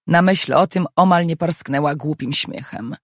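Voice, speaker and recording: An audiobook narrator reading a novel in a steady, measured way. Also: medium pitch, no room sound, studio quality.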